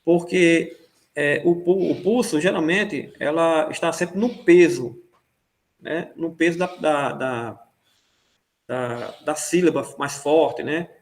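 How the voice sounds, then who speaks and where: A man teaching a music class online, explaining rhythm with many pauses, fillers and checks for understanding. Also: on the high side.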